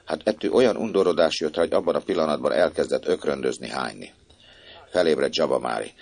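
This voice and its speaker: A man reading a novel aloud as a narrator, expressive and acting out the characters. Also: extremely low pitch, creaky.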